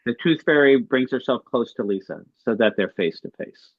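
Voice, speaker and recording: Husky man reading stage directions. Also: mid-range voice, animated, normal speed, no echo, phone-quality sound. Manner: matter-of-fact, plain. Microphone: video call.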